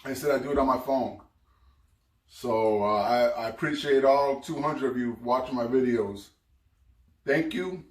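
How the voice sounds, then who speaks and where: A man's voice: mid-range voice, a little slow. A man hosting his own cooking vlog, chatting casually and eating as he talks. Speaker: cooking vlogger. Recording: roomy sound, mic at a distance.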